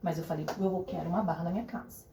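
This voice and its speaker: A woman's voice: on the low side, racing, creaky, noisy background. A middle-aged woman, a podcast guest, telling a story in casual conversation and acting out the voices in the dialogue she quotes. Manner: animated, acts out quoted dialogue. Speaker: podcast guest, pole dance entrepreneur. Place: theater studio. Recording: echoey room, mic at a distance.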